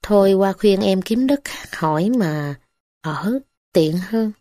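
A woman's voice: medium pitch, animated, mellow, dry recording, studio quality. Woman doing a timid village official man. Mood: apologetic. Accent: Southern Vietnamese. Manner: pleading, slow, apologetic. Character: timid middle-aged male village official, hand-wringing.

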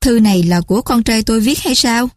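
A remorseful elderly grandmother from a told story speaks in a high, quavering, pleading voice, as a woman narrator puts her on. She sounds softer than a plain speaking voice. The recording is dry and close. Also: brisk, no room sound, lightly acted. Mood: bewildered.

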